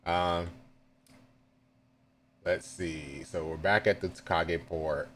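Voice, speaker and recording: A deep-voiced man takes his time, reading manga panels aloud and reacting in a relaxed, chatty way. A light hiss sits under his voice. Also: slow pace. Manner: reads panels aloud with casual asides and chuckles.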